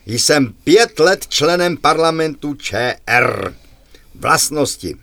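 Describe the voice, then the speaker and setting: A man telling jokes on a radio comedy segment in a lively, chuckling way. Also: a little high, creaky, dry recording. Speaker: radio joke teller.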